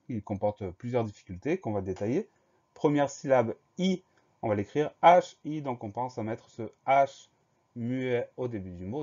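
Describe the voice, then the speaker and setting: A man teaching a spelling dictation lesson, going slowly and carefully and spelling each word letter by letter. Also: mid-range voice, warm tone, lo-fi sound.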